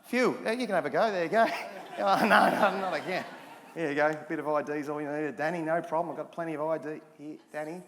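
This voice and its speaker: A man's voice: on the high side, fast talker, fairly bright tone, a faint crowd. An Australian man hosting a live show in a theatre, talking in a playful, rambling, self-mocking way. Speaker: host. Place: large theatre with a live audience. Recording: long hall reverb with audience noise.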